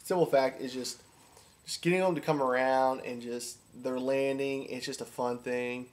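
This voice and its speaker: A man's voice: mid-range voice, steady tone, normal speed. A man giving a casual, enthusiastic how-to talk in an informal, repetitive way, as an instructor. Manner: informal, repetitive, enthusiastic about his subject. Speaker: duck calling instructor.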